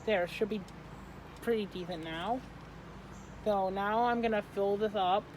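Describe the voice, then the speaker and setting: An eighteen-year-old from Michigan hosting a casual how-to vlog, often halting and correcting themselves mid-sentence. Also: medium pitch, slight background noise, low-quality recording. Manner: halting, self-correcting, trailing off. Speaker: plant arrangement seller and video host.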